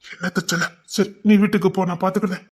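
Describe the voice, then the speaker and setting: A man playing a husky young village lover. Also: high-pitched, little pitch movement, fast talker. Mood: angry. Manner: rough, protective, teasing. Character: protective young village man, affectionate and hot-tempered. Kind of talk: web series drama acting.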